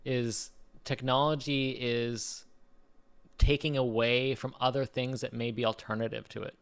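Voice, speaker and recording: A man co-hosting a podcast in casual chat, laughing easily and swearing casually, with his pace speeding up and slowing down. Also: mid-range voice, level tone, smooth. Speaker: podcast co-host.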